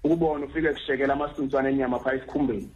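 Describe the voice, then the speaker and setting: A man with a Xhosa accent gives a conversational explanation on air. He talks quickly at a medium pitch and often repeats the beginnings of words as he goes. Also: steady tone, darkish tone, lo-fi sound.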